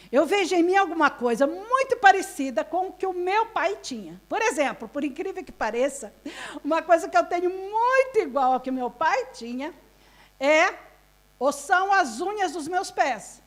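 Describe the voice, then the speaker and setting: A Brazilian-accented woman preaching at a women's conference, her voice sitting high. She keeps the audience involved with questions and frequent light laughter. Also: big pitch swings, moderate pace, fairly bright tone. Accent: Brazilian Portuguese. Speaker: pastor. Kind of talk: interactive sermon at a women's conference. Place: live conference hall.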